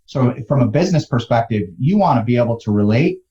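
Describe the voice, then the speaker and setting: A man speaks casually as a business guest. His tone is dark and relaxed, and the recording sounds dull and lo-fi. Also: medium pitch, quick pace. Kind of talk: casual conversation.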